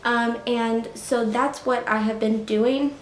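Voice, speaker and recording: Speaking at a slow pace, a late-twenties YouTuber shares a casual story with her viewers, peppering it with "like" and "you know." Her voice is a little high with fairly even intonation, recorded in an echoey room.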